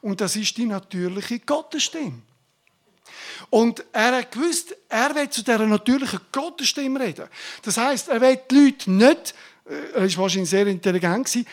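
A woman's voice: on the high side, animated, normal speed. A woman preaching a sermon to her congregation, speaking directly and informally and breaking into fervent bursts of praise.

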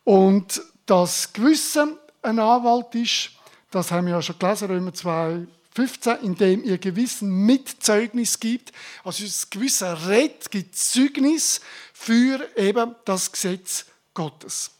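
A woman's voice: mid-range voice, expressive, a little slow, a little mellow. A woman preaching a sermon to her congregation, speaking directly and informally and breaking into fervent bursts of praise.

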